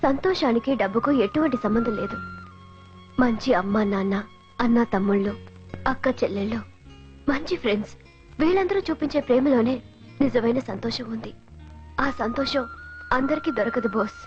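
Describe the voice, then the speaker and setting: A woman's voice: sits high, sing-song, a little fast, faint music behind. A young woman playing a rich man's daughter who pleads and talks emphatically, on a dull film soundtrack. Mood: wistful.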